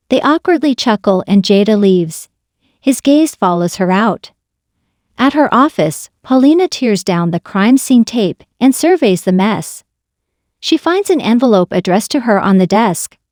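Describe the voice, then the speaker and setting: A woman's voice: medium pitch, a little mellow, dry recording. Woman reading a dry soap recap. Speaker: soap opera recap narrator. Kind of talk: scripted recap narration.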